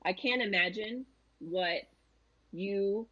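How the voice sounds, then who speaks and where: A woman's voice: medium pitch, slow, muffled recording. A woman in her thirties, a travel agent guest, chatting casually and acting out quotes as she tells stories. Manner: chatty storyteller who acts out quotes. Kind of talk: casual chat.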